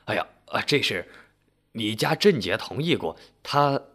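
A man's voice: on the low side, lively intonation, unhurried, a bit bright, full character voice. A man storyteller voicing a cautious, anxious middle-aged village man who hesitates and trails off. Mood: pleading.

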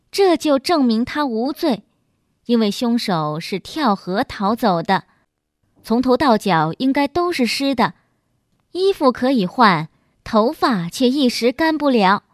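A woman narrating a short detective story in an expressive storytelling manner. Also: a little high, slow pace, dry recording, studio quality.

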